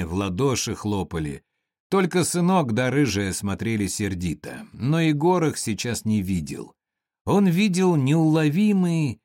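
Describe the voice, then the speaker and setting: A man narrating an audiobook in a measured, expressive storytelling manner. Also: mid-range voice, no echo, clean studio sound.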